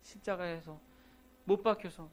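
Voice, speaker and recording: Male pastor, high voice, chatty sermon delivery that slips into acted-out everyday complaints. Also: steady tone, normal speed. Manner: conversational, acts out quoted grumbles. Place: church sanctuary.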